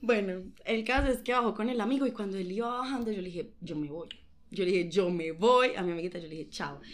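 A young woman with a Colombian accent, telling a personal story in a giggly, animated way, full of slang. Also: medium pitch, fast, slight background noise. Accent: Colombian Spanish. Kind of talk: casual chat.

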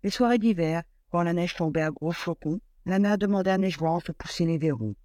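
A man's voice: a little high, expressive, fairly quick, darkish tone, no room sound. Man reading a fairy tale aloud. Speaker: storyteller.

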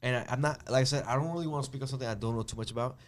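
A man's voice: mid-range voice, racing. A young man chatting casually in a group, hesitant and rambling, often repeating himself as he works toward his point.

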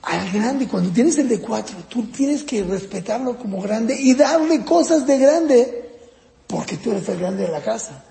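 A man's voice: very high-pitched, animated, unhurried, creaky, dark tone. A man giving a lesson on raising children, asking his listeners questions and acting out children and parents in raised voices. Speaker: parenting teacher. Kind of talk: lecture on child rearing. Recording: echoey hall with long reverb.

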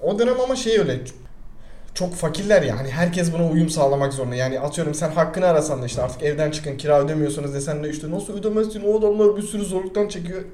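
A young man co-hosting a casual talk show, spilling anecdotes at high speed with a joking, rambling energy. His voice sits somewhat high yet sounds dark and mellow. The room around him has a noticeable echo. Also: fast. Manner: rambling, joking, animated storytelling. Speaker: podcast co-host. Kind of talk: casual chat.

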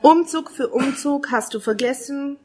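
A woman's voice: high-pitched, a little mellow. Woman reading spoken-word poetry. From Romania. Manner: measured, earnest, second-person address.

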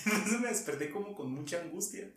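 A man with a Mexican accent telling a story in casual conversation, halting and rambling, with frequent laughs. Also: high voice, expressive, fairly bright tone. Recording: echoey room, far from mic.

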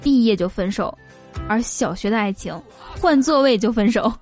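A woman's voice: on the high side, expressive, moderate pace, darkish tone, soft background music. A woman hosting a comedy show in a casual monologue, chatting directly to listeners with teasing questions.

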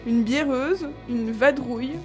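A woman's voice: high-pitched, measured pace, faint music behind. A woman host in casual chat, listing old slang words with amusement and frequent laughs.

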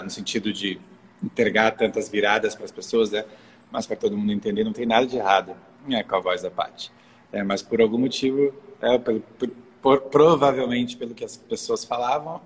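A man hosting a live online interview, effusive and full of fillers and restarts. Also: lowish voice. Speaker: host. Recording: hall reverb, faint ambient noise.

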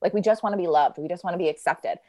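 A woman speaking as a podcast guest, earnest and reflective, with plenty of fillers as she works through her thoughts. Her voice sits a little low. The sound is dry and close. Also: racing, a little mellow, no echo. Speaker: podcast guest, healing coach. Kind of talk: casual podcast chat.

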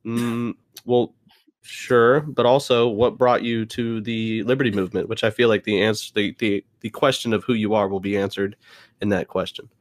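Casting: male podcast host, lowish voice, informal and halting delivery, dry close recording. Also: fairly even intonation, no room sound. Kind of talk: casual podcast hosting.

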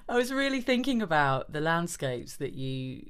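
A woman hosts an interview, asking enthusiastic, rambling questions with plenty of fillers. Her voice sits very low for a woman. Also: very animated, slow, a bit bright, clear, resonant tone. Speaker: interviewer host.

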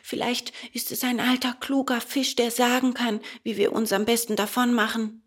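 A woman's voice: a little high, little pitch movement, moderate pace, pitched above the performer's own voice, natural voice. A woman voicing a frightened, whiny young wooden puppet boy. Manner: wailing, anxious.

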